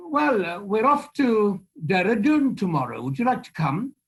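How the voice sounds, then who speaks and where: A man voicing a brisk, jovial older theatre company manager with a posh, clipped, breezy manner and a husky voice. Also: sits high, big pitch swings, pitched above the performer's own voice. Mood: jovial, reassuring.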